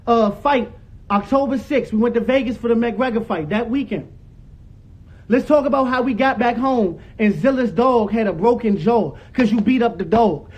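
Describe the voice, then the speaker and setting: A young man, angrily telling his side of a dispute on a live stream, repeating himself and rising toward yelling. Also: very high-pitched, dull audio. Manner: angry, repetitive, rising to yelling. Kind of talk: heated live-stream rant.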